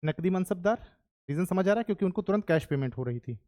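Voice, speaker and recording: High-voiced man teaching a class. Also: animated, fast, warm tone. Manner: chatty, keeps checking students follow, mixes in English. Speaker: history teacher. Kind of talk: classroom lecture to exam students.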